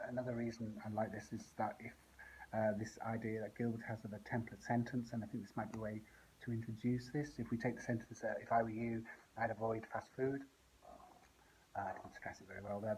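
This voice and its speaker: A man with a lowish voice explains his lesson plan, thinking aloud and pausing often as he goes. His delivery stays fairly even and flat. A faint hiss sits under the recording. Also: rough recording. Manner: unscripted, thinking aloud with frequent pauses. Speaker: English language teacher.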